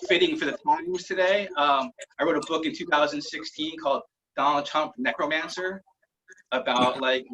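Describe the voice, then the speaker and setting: Rambling comedian on a dull video call. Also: male voice, mid-range voice, bright, forceful tone, a little hiss or hum. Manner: rambling, halting, many fillers. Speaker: stand-up comedian. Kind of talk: casual comedy set over video call.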